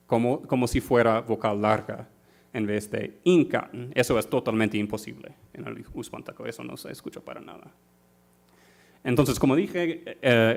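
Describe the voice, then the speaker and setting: Male conference presenter, mid-pitch, careful halting delivery, lots of fillers and restarts, auditorium talk. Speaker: conference speaker. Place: university auditorium.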